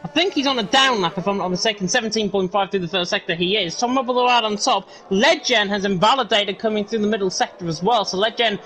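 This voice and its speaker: High-voiced Northern English race commentator. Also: male voice, fairly bright tone, rough recording. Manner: rapid play-by-play, chatty asides. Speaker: lead commentator.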